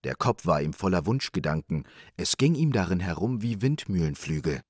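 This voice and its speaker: A man narrating a fairy tale at bedtime with calm, expressive storytelling. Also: low voice, moderate pace, breathy edge, no echo, clean studio sound. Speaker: audiobook narrator.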